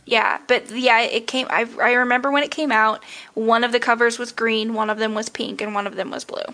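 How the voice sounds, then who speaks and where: Chatty woman with a higher voice. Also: fairly even intonation, sharp tone. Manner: chatty, laughs often, quick asides. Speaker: podcast co-host. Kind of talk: casual chat about a TV show.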